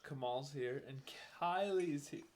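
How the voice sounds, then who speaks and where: A man's voice: on the high side, a little slow, a little mellow, a little hiss or hum. A young adult man chatting casually and teasingly as a livestream co-host. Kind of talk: casual chat.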